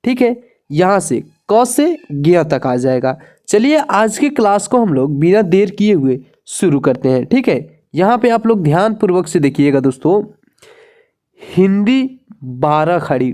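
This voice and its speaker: A woman's voice: medium pitch, dark tone. A woman teaching the Hindi alphabet in an online lesson, reading letters aloud one by one and often checking in with her viewers. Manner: slow and deliberate, keeps asking "ठीक है दोस्तों".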